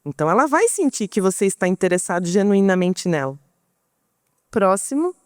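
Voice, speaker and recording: A middle-aged woman with a Brazilian Portuguese accent gives an informal talk, explaining patiently and often posing questions she then answers herself. Her mid-range, slightly mellow voice is very animated at a normal pace, recorded in a clean studio with no room sound.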